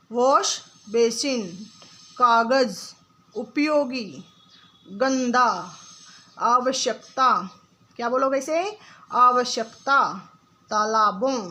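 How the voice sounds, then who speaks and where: A woman's voice: high voice, pushed and bright, rough recording. A woman teaching young children in a lesson, asking questions and answering them herself in her words. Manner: asks questions then answers them herself, says "ठीक है" and "बेटा" often.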